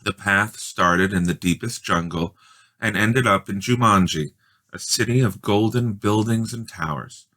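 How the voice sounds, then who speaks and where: A man reading a children's story aloud in expressive, measured, dramatic narration. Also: fairly low pitch. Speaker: storybook reader.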